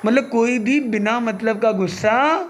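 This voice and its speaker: A man with a strikingly high voice addresses a seated audience in a live talk. He is playful and laughs often, teasing listeners and dropping English lines into his Hindi. Faint room ambience sits under his voice. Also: unhurried, a little hiss or hum. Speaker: spiritual speaker addressing an audience.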